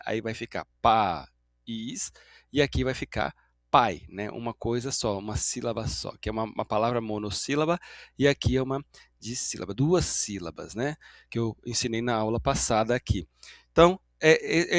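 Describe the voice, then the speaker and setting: A Brazilian man teaching a grammar lesson, explaining patiently, checking in with "né?" after each point and drawing out example words slowly to show their sounds. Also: medium pitch, no room sound. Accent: Brazilian Portuguese.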